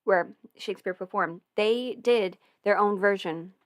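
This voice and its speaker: Eating ramen during a casual home livestream, a young woman in her twenties takes questions, close to the mic, rambling, giggling, and filling gaps with lots of fillers. She speaks unhurriedly at a medium pitch, and there's no room sound.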